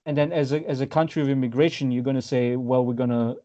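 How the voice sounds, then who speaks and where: An Austrian podcast host leads a casual political discussion over a video call, speaking fast at a medium pitch with a steady, mellow, dark voice. He hesitates a lot, using many fillers and restarting sentences, and the audio sounds dull and lo-fi.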